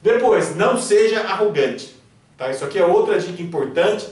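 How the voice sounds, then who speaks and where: High-voiced lawyer giving advice in an echoey room. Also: male voice, animated, moderate pace, a little mellow, distant mic. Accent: Brazilian Portuguese. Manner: didactic, keeps checking in with short tags. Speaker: criminal defense lawyer. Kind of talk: spoken tutorial.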